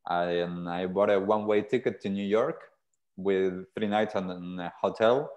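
A man in his thirties from Argentina speaks with a very low voice. He tells his story in an earnest, reflective way, as a guest on a video-call interview. The sound comes through small earphone mics in a small room. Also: steady tone, moderate pace, a little mellow. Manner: earnest, reflective, gestures while talking. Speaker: podcast guest. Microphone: earphone headset on a video call.

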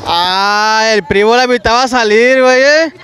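A young man with a Mexican Spanish accent hosts a street prank game at an outdoor market, holding a handheld mic as he teases a couple and pumps up the crowd with slang. His voice is extremely high, sharp, clear and resonant, at a moderate pace.

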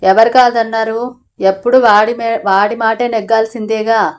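Storybook: woman voicing a sarcastic, short-tempered father, scolding, a little high. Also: steady tone, normal speed, close to an everyday voice. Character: stern short-tempered middle-aged village father.

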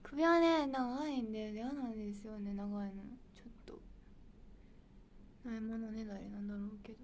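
A woman's voice: on the high side, steady tone, normal speed, a little hiss or hum. Bubbly young woman with a Kansai accent. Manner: bubbly, chatty, drops into soft near-whispered asides. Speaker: idol livestream host. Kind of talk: casual livestream chat reading viewer comments.

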